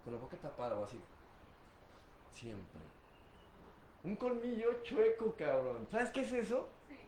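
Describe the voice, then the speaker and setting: A man's voice: high voice, big pitch swings, measured pace, a little mellow, slight background noise. A middle-aged man from Guadalajara with a Mexican Spanish accent, giving a candid, profane account of his past drinking in street slang. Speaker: guest recounting his addiction. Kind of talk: candid personal testimony.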